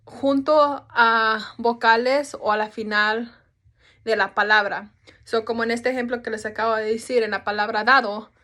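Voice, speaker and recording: A woman's voice: fairly high pitch, fairly even intonation, moderate pace, bright, forceful tone. A young woman explaining a topic in a class presentation, casual, with restarts and English fillers. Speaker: student presenter.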